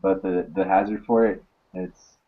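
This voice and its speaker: Low-voiced young man, casual and slangy. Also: steady tone, unhurried, phone-quality sound. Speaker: motovlogger in a group hangout. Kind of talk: casual group chat.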